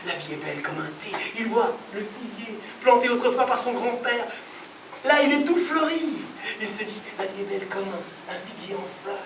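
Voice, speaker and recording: A man storyteller telling a folk tale live, expressive and rhythmic, speaking directly to the audience. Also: extremely high pitch. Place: live performance venue. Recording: distant roomy live recording, noisy.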